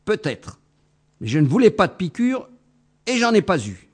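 Man voicing a stubborn gorilla, shouty, high, husky, storybook. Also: very animated, normal speed, full character voice. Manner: shouting, childish insistence. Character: stubborn loud male gorilla patient.

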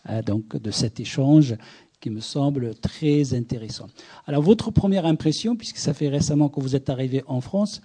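A man's voice: medium pitch, moderate pace, warm tone, slightly rough. A middle-aged man who runs an association, leading a group discussion and asking many questions in an encouraging way. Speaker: workshop facilitator, association director.

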